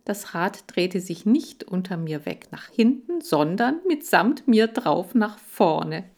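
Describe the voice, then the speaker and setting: A woman reading a children's storybook aloud in a lively, playful way. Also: mid-range voice, takes it slowly. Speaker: audiobook reader. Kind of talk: expressive storybook narration.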